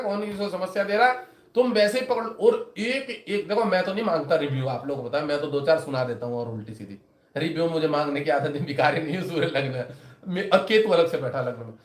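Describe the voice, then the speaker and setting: Chatty high-voiced male astrologer, echoey room. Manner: chatty, rambling, retells conversations with students. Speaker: astrologer and teacher. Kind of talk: casual lecture to viewers.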